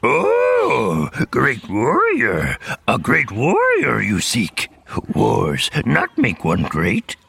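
Yoda, croaky hammy little swamp sage. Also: male voice, medium pitch, wildly swooping pitch, drawn-out words, sharp tone, exaggerated voice. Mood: sly, musing. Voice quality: croaky, raspy. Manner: hammy theatrical, inverted archaic phrasing. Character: impish little old swamp creature sage, mischievous.

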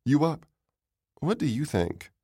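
A man's voice: medium pitch, sing-song, measured pace, dark tone, slightly rough, no echo, clean studio sound, pitched above the performer's own voice. A man voicing a sleepy young man who has just woken up, mumbling and groggy.

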